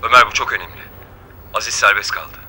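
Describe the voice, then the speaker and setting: A man's voice: lowish voice, fast, pushed and bright, soft background music. An actor playing a man urgently delivering bad news.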